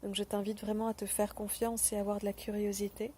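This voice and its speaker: A woman giving a spoken testimonial straight to the viewer, gentle and earnest, with hesitant pauses and fillers. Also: mid-range voice, little pitch movement, a little hiss or hum. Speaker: former program participant giving a testimonial.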